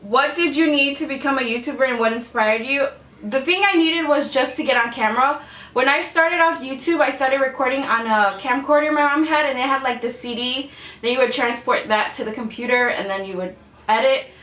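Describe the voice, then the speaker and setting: Brisk and fairly bright, her voice sits high. The beauty vlogger, a woman in her 20s, answers Q&A questions casually to camera from her bedroom filming space, rambling on with lots of "like"s and little laughs, and the mic picks her up from a distance in a roomy-sounding space.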